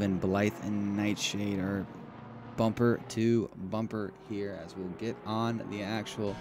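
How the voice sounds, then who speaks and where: Low-voiced male motorsport commentator over engine noise. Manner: casual, bantering. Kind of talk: live sim racing play-by-play commentary. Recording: clear engine noise behind voice. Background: car engine and race ambience.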